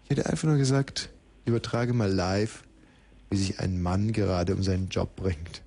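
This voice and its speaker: A man's voice: deep voice, steady tone, moderate pace, dark tone. A man hosting live radio, joking and laughing as he narrates the studio chaos play-by-play. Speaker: radio host.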